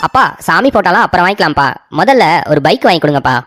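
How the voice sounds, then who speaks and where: A woman's voice: on the low side, lively intonation, racing, over music, lightly acted. A woman voicing a naive, easily swayed grown son in a cartoon story, with whiny, pleading requests. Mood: eager.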